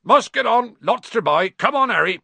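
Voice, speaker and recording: A big, good-natured giant with rough, homely speech, put on by a man. His voice swings from booming to low and confiding. The recording is dry and close. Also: huge pitch swings, normal speed, pushed and bright, no echo, heavily acted. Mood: hearty. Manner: hearty, colloquial, blunt. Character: huge, friendly male groundskeeper giant.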